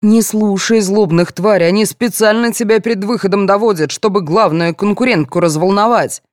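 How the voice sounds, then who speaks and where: A woman's voice: medium pitch, normal speed, no echo, studio quality, pitched above the performer's own voice, natural voice. A woman reading an audiobook, voicing an older grandmother who is fussy, quarrelsome and fiercely protective of her granddaughter. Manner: indignant, scolding.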